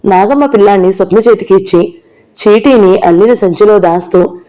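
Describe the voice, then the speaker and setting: A woman narrating a novel in a steady, measured read. Her tone is dark and mellow, sitting at a middling pitch. She keeps an even storytelling pace throughout. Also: poor audio.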